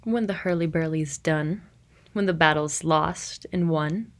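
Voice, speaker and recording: Woman voicing a deep, slow grim witch. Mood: grim, ominous. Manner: slow, ominous delivery. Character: grim, menacing female witch. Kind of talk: Shakespearean radio drama acting.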